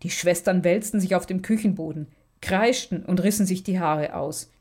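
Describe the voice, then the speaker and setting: Woman reading a story aloud, lowish warm voice, steady pace. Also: moderate pace. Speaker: narrator. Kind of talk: scripted storybook narration.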